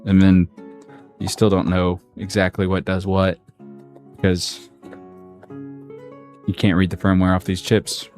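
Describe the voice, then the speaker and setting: A man hosts a casual reaction video, his voice sitting somewhat low. He breaks into loud, excited yelps as he watches. Faint music plays underneath. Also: unhurried, pauses often. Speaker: host reacting to clips.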